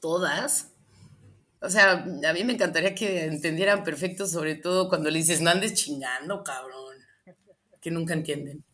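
A young Mexican woman who grew up in Michoacán, answering interview questions and telling stories with lively, acted-out quotes. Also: lowish voice, moderate pace. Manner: animated storytelling, acts out quoted lines.

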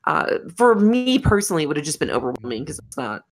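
A woman's voice: sits low, sing-song, fast talker. A young adult woman co-hosting a podcast in casual chat, rambling, interrupting herself and laughing often. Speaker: podcast co-host.

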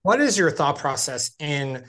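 A man's voice: on the high side, big pitch swings, a little slow, fairly bright tone. Rambling man in his forties hosting. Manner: rambling, lots of "like" fillers. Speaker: host. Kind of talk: interview chat.

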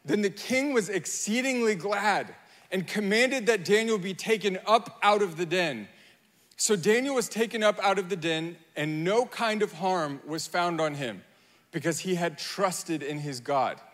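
A man preaching a sermon, retelling a Bible story with animated energy and slipping into the voices of its people. His voice sits fairly high for a man. It carries the long reverb of a large hall. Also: unhurried. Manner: animated storytelling, acting out Bible figures in quotes. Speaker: pastor.

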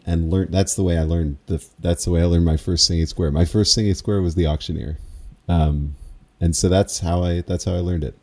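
A man's voice: rumbling low, mellow. A man who calls square dances, recalling in a casual interview how he learned his craft, in a meandering, reflective, self-amused way.

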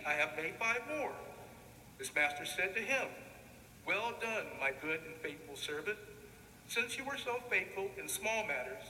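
A man reads scripture solemnly in a high, very forceful and bright voice. His phrasing is measured and declamatory. The sound carries a long cathedral echo, with some noise in the recording. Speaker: deacon reading the Gospel. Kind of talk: solemn liturgical scripture reading. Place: large reverberant church. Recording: echoey church, long reverb, background noise.

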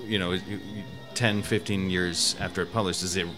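A man's voice: deep voice, level tone, normal speed, over music. A man who was born in Mexico, talking in a rambling, casual way as a guest about food and cooking. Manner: rambling, many restarts and fillers. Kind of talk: casual conversation.

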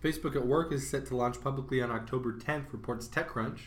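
A man presenting a scripted tech news segment in an even, measured way. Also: mid-range voice, roomy sound.

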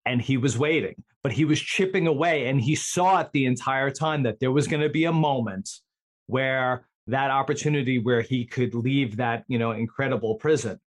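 A man's voice: medium pitch, moderate pace. A man chatting casually as a guest coach in a podcast interview.

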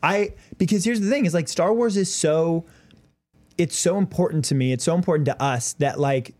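Male co-host, playful and rambling, a touch high-pitched. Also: normal speed, darkish tone. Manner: playful, jokey, rambling with restarts. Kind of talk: casual group chat.

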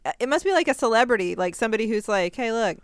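A woman's voice: fairly high pitch, lively intonation, racing, crowd noise. A woman co-hosting a podcast, chatting casually with dry, teasing asides. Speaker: podcast co-host. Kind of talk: casual chat.

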